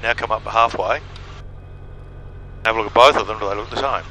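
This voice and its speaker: A man with a lowish, bright, forceful voice delivers brisk, steady flight instruction, hands-on and direct, in short explanations. He speaks through an aviation headset in a small aircraft cockpit, and the low-quality intercom recording has faint engine noise behind it.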